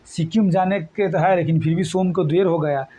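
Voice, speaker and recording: A man's voice: on the high side, moderate pace, dark tone, slightly rough. A man teaching an exam current affairs lesson, repeating memory tricks and coaxing his students along. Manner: repetitive, coaxing, addresses students as friends.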